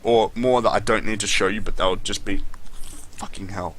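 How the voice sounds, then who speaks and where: A man's voice: fairly low pitch, steady tone, a little fast, fairly bright tone, slight background noise. A man doing casual gameplay commentary, complaining and swearing in a disgruntled way. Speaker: gaming commentator.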